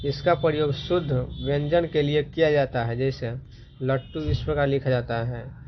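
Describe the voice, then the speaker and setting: A man teaching grammar, explaining definitions slowly and repeating them so students can write them down. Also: on the high side, steady tone. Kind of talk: slow classroom explanation. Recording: dull lo-fi recording with faint noise.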